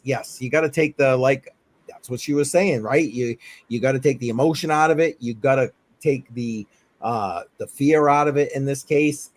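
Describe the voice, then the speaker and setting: Rambling New England guy hosting a stream. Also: medium pitch. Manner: rambling, repeats himself, laughs a lot. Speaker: host. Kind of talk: casual livestream chat.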